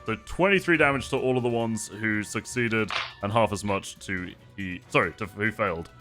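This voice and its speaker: A man's voice: lowish voice, moderate pace, sharp tone, faint music behind. A man chatting casually and playfully as a player in a tabletop game.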